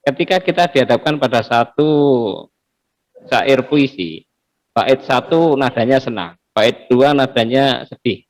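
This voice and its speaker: A man's voice: medium pitch, a little slow. A man moderating an online community meeting, chatty and a bit hesitant, commenting before handing over to guests. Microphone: video call.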